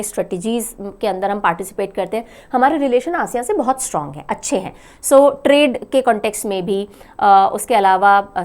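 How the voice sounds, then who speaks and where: A woman's voice: on the high side, darkish tone. A woman teaching a current affairs lesson for exam preparation, asking questions and answering them herself, mixing English phrases into Hindi. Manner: explains step by step, asks and answers own questions. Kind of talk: exam-prep lecture.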